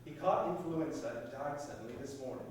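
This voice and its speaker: A man's voice: mid-range voice, brisk, close to an everyday voice. A man playing a senior heavenly guide who patiently narrates a life story on stage. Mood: solemn storytelling. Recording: echoey hall, distant mic, faint noise.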